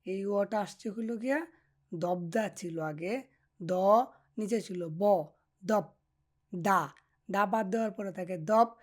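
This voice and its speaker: Woman, language teacher, slow pace, patient, repeats forms, checks understanding. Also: mid-range voice. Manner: patient, repeats each form slowly and checks understanding often. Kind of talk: classroom grammar lesson.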